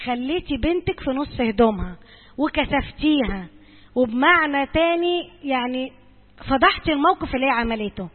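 A woman's voice: high voice, expressive, normal speed, big-room sound, narrow, tinny audio. An Egyptian woman giving an earnest church talk to mothers, speaking directly and repeating points for emphasis. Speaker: church servant advising mothers.

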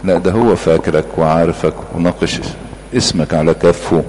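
Deep-voiced Egyptian preacher in a reverberant hall. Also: male voice, steady tone, a little fast, a little mellow, slight background noise. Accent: Egyptian Arabic. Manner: earnest, repetitive emphatic phrasing. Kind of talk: sermon.

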